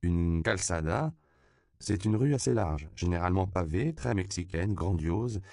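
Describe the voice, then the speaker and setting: A man's voice: sits low, animated, measured pace, creaky, a little mellow, no room sound, clean studio sound, heavily acted. A man voicing a sad, tearful middle-aged man who murmurs and lectures in his sleep. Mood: dreamy.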